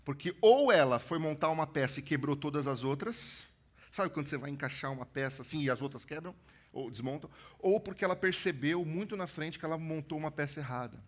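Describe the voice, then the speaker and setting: A man in his thirties, a pastor from São Paulo with a São Paulo accent, preaching a sermon with animated storytelling that swings from loud build-ups to hushed lines. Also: fairly high pitch, a little fast. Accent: São Paulo Brazilian Portuguese. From São Paulo, Brazil. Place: church stage.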